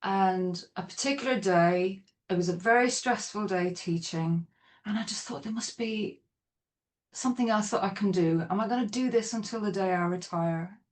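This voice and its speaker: A woman's voice: mid-range voice, normal speed. A middle-aged woman with a Dublin accent, chatting as a podcast guest, rambling with restarts. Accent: Irish, Dublin. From Ireland. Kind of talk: podcast interview.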